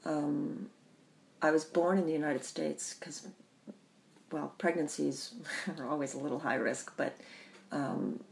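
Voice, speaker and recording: A woman who grew up in the Bahamas, telling her family history in an interview, thoughtful and pausing often. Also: low voice, creaky, slight background noise. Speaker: interview guest. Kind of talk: reflective personal storytelling.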